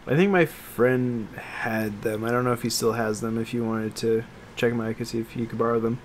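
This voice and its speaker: A brisk, mid-pitched man co-hosts a casual podcast, talking like an excitable fan and swearing freely. Faint noise and room ambience can be heard behind him.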